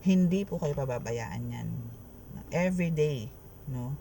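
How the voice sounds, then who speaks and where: A tarot reader, giving a reading in an expressive, chatty way, mixing Tagalog and English and tagging phrases with a questioning "no?". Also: mid-range voice, measured pace, creaky, a little hiss or hum. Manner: mixes Tagalog and English, keeps adding "no?" after phrases; expressive, laughing and exclaiming.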